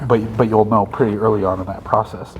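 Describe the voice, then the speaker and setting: A man in his thirties with a somewhat low voice, co-hosting a laid-back faith podcast. He thinks out loud and keeps checking in with a quick "right?" as he talks. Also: little pitch movement, lo-fi sound, slight background noise. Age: 30s. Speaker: podcast co-host. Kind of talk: casual faith podcast chat.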